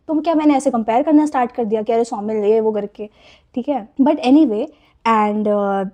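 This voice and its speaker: A woman's voice: a little high, dark tone. A young woman with an Indian accent, telling a personal story in a chatty vlog style, mixing in English phrases and tag questions. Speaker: vlogger.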